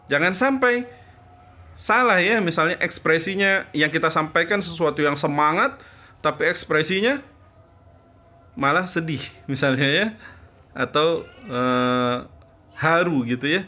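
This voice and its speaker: A man's voice: fairly high pitch, bright, forceful tone. A man teaching a class, explaining step by step and answering his own questions as he goes. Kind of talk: classroom lesson.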